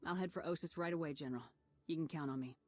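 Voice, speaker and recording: A confident, low-voiced military commander. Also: female voice, racing, a little mellow, dry recording. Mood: assured. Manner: direct, assured. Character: confident, steadfast female military commander hero. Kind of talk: video game cutscene acting.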